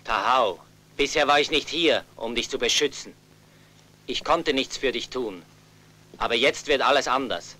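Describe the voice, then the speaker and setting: A man's voice: mid-range voice, normal speed, pushed and bright, low-quality recording. A man dubbing a young adult younger brother, earnest and insistent, protective of his family. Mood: determined. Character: protective younger brother, a fighter back home. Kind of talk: German film dub.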